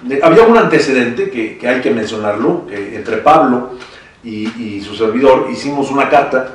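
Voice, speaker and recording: A man's voice: medium pitch, animated, normal speed. Mexican man, echoey far-off mic. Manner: rambling, many restarts, chuckles. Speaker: citizen council member. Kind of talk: panel discussion.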